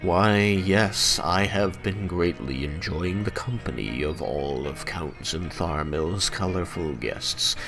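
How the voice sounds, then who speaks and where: A man voicing a suave, grandiose fae marquis in a formal, unhurried baritone for a tabletop game. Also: creaky, exaggerated voice. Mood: courtly, flattering. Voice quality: deep baritone. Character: suave grandiose fae marquis, smooth deep-voiced tempter. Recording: music playing behind the voice.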